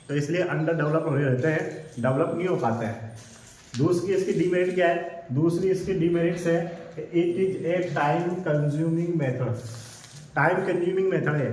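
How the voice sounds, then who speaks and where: A man's voice: a little high, darkish tone. Man teaching in a very echoey room. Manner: repeats each point several times; reads English lines slowly, then explains. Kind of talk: exam-prep lecture. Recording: very echoey room, faint background noise.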